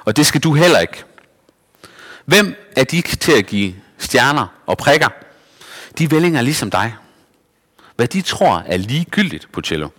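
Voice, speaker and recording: A man voicing a big, bearded, kindly woodcarver with a deep, strong voice and a gentle, thoughtful manner. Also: big pitch swings, long pauses, in a large hall. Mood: reassuring.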